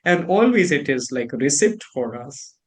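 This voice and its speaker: Animated Indian man, high voice. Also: normal speed. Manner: animated storytelling, acts out reactions. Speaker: host. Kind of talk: casual chat about pronunciation.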